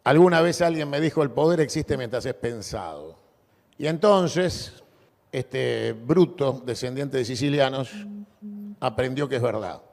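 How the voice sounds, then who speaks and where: Male Argentine political orator: booming balcony delivery, rousing and declamatory, creaky grain, big reverberant venue. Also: expressive, a little mellow. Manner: booming balcony speech, declamatory with dramatic pauses and repetition. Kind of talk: rousing political rally speech. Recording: long echoing reverb of a large venue.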